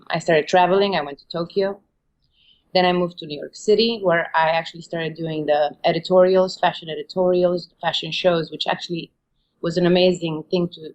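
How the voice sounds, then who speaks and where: Woman in her 40s from romania, lowish voice, laid-back and chatty on a podcast. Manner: relaxed, laughs often, filler-heavy. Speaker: guest photographer. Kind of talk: casual podcast interview.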